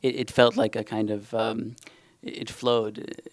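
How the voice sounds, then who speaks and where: A young adult man from Israel, a native Hebrew speaker, talks as an author on a panel during a discussion and reading. His voice is lowish, with little pitch movement and a slow pace, and there's no echo. He sounds hesitant, with many fillers and restarts.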